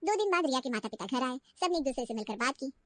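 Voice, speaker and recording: A woman narrates a children's cartoon story in a plain, even way. Her voice is high, quick and bright, recorded dry and close. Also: no echo.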